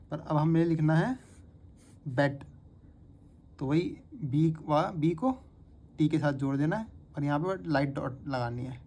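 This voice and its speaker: Teacher walking beginners through shorthand strokes, recorded on a phone, with steady and patient repetition. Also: mid-range voice. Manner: patient, repeats each word several times. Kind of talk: step-by-step spoken lesson.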